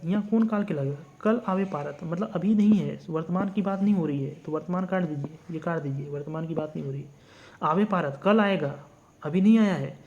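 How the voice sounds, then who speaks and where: A man's voice: sits high, darkish tone, dull audio, slight background noise. A man teaching an exam class, thinking aloud and repeating answers as he asks the class. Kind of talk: explaining a mock test.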